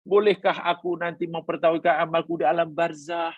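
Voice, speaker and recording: A man's voice: fairly high pitch, level tone, fairly quick, no echo, phone-quality sound. A man teaching a religious class, telling a story and quoting Arabic lines before explaining them. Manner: storytelling, voicing family members and quoting Arabic. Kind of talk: sermon.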